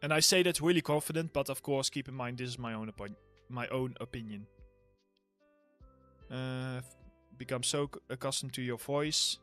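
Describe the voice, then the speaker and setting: A man's voice: medium pitch, normal speed, fairly bright tone, soft background music. Dutch-accented man hosting a casual livestream. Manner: reads chat questions aloud and answers loosely, with fillers and laughs. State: throat getting sore from talking. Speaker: livestream host, environment art tutor.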